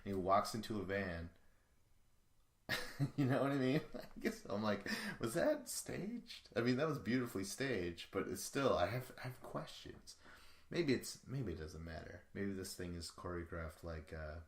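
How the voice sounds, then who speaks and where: Low-voiced male podcast host, rambling and foul-mouthed, in an echoey room. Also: expressive, moderate pace. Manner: rambling, profane, chuckling asides. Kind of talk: casual solo recap of a reality show.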